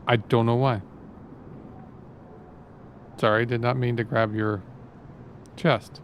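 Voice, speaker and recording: A man's voice: mid-range voice, flat delivery, slow pace, muffled recording, slight background noise. Canadian man chatting on a live stream. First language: French. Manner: rambling, explains at length to the viewers. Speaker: game streamer host. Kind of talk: casual live-stream commentary.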